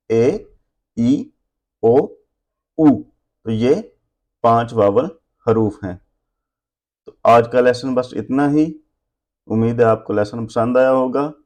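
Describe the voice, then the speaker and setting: A man's voice: mid-range voice, a little mellow. A man teaching a language lesson, reading letters one by one and then explaining them plainly. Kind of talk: slow spelled-out language lesson.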